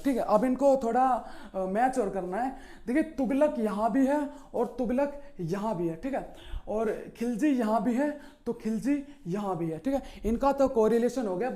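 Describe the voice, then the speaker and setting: With an extremely high pitch, this man teaches history and takes his class through memorization techniques in a gentle, mellow way. He raises questions and answers them straight away, and nearly each point ends with a quick "okay."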